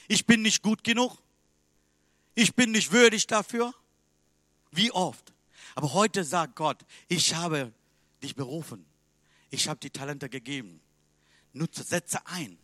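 A man preaching a sermon in a language that is not his first, emphatic and swinging between loud and quiet. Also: fairly high pitch, no echo.

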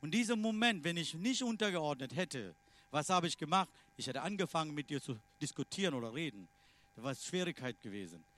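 A man preaching a sermon in non-native German phrasing, emphatic, swinging between loud declarations and quiet asides. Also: fairly high pitch, sing-song, a little fast.

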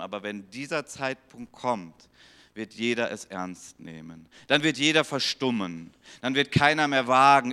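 Preacher, male, bright forceful voice, passionate sermon delivery with dramatic swings in volume. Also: medium pitch, smooth. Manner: impassioned, swings from loud pleading to quiet gravity; acts out quoted voices within the sermon.

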